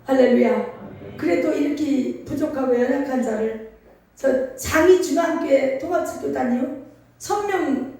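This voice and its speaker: High-voiced woman pastor preaching. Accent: Chungcheong Korean. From Chungcheong, Korea. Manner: lively, emphatic preaching with call-and-response. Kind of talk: sermon. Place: church sanctuary. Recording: echoey church hall from far off.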